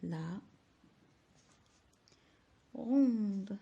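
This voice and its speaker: A woman's voice: mid-range voice, animated, drawn-out words, creaky, mellow, breathy edge, dull audio. A woman teaching children handwriting, spelling out letters and syllables one by one and often dropping to a whisper.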